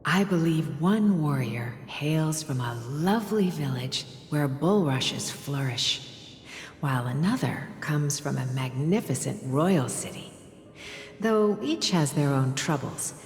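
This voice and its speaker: Gentle game mother, soft serene delivery, deep for a woman, loving, long reverb, music behind. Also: animated, a little slow. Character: gentle loving mother telling her young daughter a tale. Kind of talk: scripted game dialogue.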